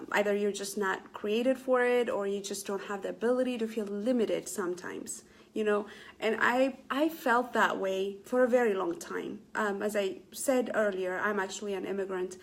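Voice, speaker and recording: A woman's voice: mid-range voice, fairly even intonation, normal speed. A middle-aged woman from Ethiopia hosting a casual live stream, talking earnestly to viewers with many fillers and restarts. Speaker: Facebook Live motivational host.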